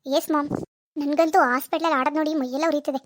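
A woman's voice: high voice, fairly even intonation, quick pace, slight background noise, lightly acted. A woman voicing a spiteful, jealous young wife in a cartoon, whiny and scheming. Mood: bitter. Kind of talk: cartoon voice acting.

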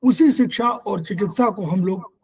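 A man's voice: high voice, normal speed, vocal fry, slightly rough, low-quality recording. A man hosting an online class, introducing guests in formal, ceremonious phrasing. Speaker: class organizer and host.

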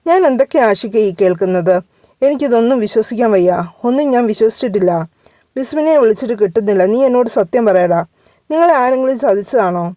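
A woman's voice: fairly high pitch, animated, fast, no room sound, clean studio sound, close to an everyday voice. Woman voicing a desperate lovesick young man. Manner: shaky, pleading, shouting.

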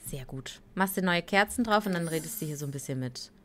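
A woman's voice: low-pitched, slight background noise. A tired woman streaming a life-sim game, chatting casually and greeting viewers by name with playful asides. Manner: slow, relaxed talk with playful asides. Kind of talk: casual live-stream commentary.

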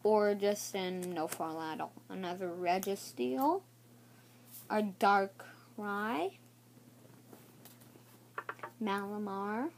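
A woman showing off trading cards in a casual video, naming each one haltingly and unsure of some names. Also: mid-range voice, gravelly, slight background noise. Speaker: card showcase vlogger. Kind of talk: casual card showcase.

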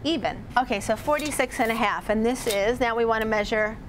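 A chatty woman with a fairly high voice walks a small live audience through household repairs. She talks to them directly and casually, with a faint hum of the room behind her, picked up on a lapel mic. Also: brisk, a bit bright. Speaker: home repair demonstrator. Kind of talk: live workshop demonstration.

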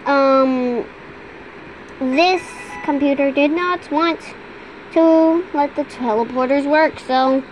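A woman's voice: high-pitched, takes it slowly, muffled recording, a little hiss or hum. A female gamer chatting casually and giggling as she plays, with lots of ums along the way, at home at her computer. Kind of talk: casual game commentary.

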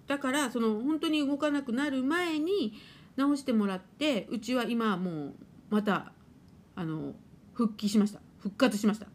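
At a measured pace and fairly high pitch, a middle-aged woman chats and laughs on her casual live stream. The host, who is also a spiritual therapist, goes through viewer comments and jokingly mimics her washing machine.

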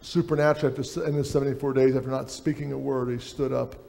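A man's voice: mid-range voice, level tone, rapid-fire, creaky, mellow. A middle-aged man preaching a sermon on a church stage, reading aloud from a book at a lectern.

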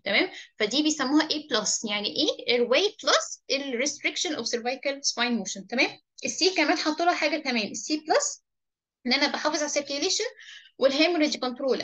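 Fast, high-voiced Egyptian woman lecturing. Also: pushed and bright. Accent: Egyptian Arabic. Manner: frequent checking "تمام؟" with listeners; slows down to read English terms aloud. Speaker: medical lecturer. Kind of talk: recorded medical lecture mixing Arabic and English terms.

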